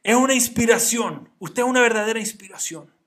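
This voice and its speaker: Male narrator as a gushing stranger, emphatic, pitched higher than his own voice. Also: a little fast, fairly bright tone. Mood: admiring. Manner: effusive, emphatic praise. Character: admiring visitor man, effusive.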